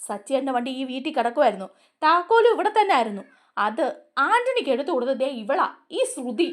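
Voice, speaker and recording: An angry young man from a TV serial hurls accusations in a raised, lively voice, as a woman narrator acts him out. The voice sits high and swings widely in pitch. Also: quick pace. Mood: accusing.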